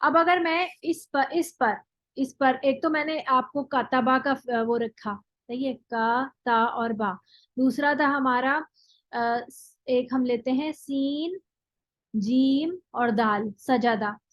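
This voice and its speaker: A woman with Urdu as her first language gives a grammar lesson, her voice sitting a touch high. She explains step by step and recites word forms slowly in a row. The audio is dry and dull, with no room sound. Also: dry recording. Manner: explains step by step, often checks with "thik hai"; drills word forms slowly, one at a time. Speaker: Arabic grammar teacher. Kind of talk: classroom lecture.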